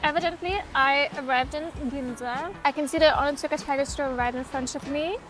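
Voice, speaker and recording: This travel vlogger, a German woman in her twenties, talks a little fast in a high, steady voice, rambling casually with many fillers. She films on her phone around city streets and small eateries. The recording is low quality, with music in the background.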